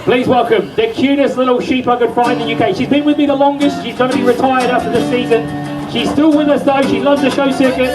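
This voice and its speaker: High-voiced New showman on stage. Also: steady tone, quick pace. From New Zealand. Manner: joking showman, hyping the crowd. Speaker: sheep show presenter. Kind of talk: live stage show patter. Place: outdoor county show stage. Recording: far from mic, music playing.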